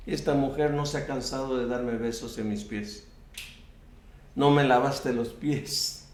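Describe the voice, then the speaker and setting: A man preaching a sermon as pastor, acting out prayers and quoted speech, often restarting his phrases. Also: mid-range voice. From US-Mexico border region. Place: church sanctuary. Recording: echoey church room.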